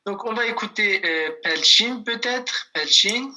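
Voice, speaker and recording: Slow, bright-toned patient language teacher. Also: male voice, high-pitched. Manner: slow and patient, repeats phrases, calls on students by name. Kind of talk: online class teaching. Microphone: video call.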